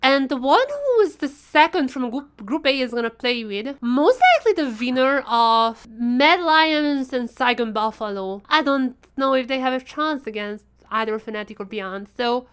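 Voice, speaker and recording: High-pitched woman giving reaction video commentary. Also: animated, normal speed, hardly any pauses, clean tone. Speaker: esports reaction streamer.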